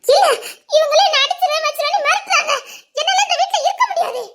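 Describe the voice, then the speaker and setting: A woman's voice: very high voice, fast, a bit bright, slight background noise. A young woman with a Tirunelveli Tamil accent playing a defiant wife, protesting tearfully and repeating herself. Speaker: young wife in a family drama. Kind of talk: family drama acting.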